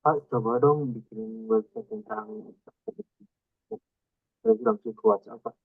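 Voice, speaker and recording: A man's voice: fairly high pitch, very animated, slow, gravelly, breathy edge, dry recording. A man asking a question over an online call, his voice choppy and glitching as the connection breaks up. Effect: choppy, glitching call audio that keeps breaking up. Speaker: webinar participant asking a question. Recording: phone-like online call with faint music behind.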